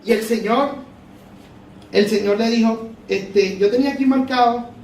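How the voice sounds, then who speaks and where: A male preacher with a lilt delivers a fervent sermon in a strikingly high voice. He circles back on his phrases for emphasis. The sound reaches a distant mic in a reverberant church hall over a faint hum. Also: moderate pace, a little mellow.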